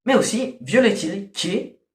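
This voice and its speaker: A man's voice: high-pitched, lively intonation, unhurried, over loud music. Grumbling man reviewing albums in an echoey room. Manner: grumbling, hesitant, many fillers. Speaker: music reviewer. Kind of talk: casual review commentary.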